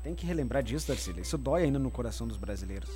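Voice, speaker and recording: A man's voice: mid-range voice, animated, rapid-fire, mellow. A man with a southern Brazilian accent chatting casually as a radio co-host. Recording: music bed behind the voice.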